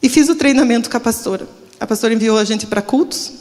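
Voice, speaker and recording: A woman's voice: a little high, fast talker, darkish tone. A middle-aged woman pastor with a Brazilian Portuguese accent, giving an emotional, confessional testimony in a church service. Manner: emotional, confessional, trembling with nerves. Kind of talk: testimony sermon. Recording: long church hall reverb.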